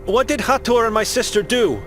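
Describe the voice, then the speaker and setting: A man's voice: extremely high pitch, animated, a little fast, a bit bright, soft background music. A man voicing a young monk in a game who is searching for his sister, polite and earnest as he presses with questions. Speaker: game protagonist.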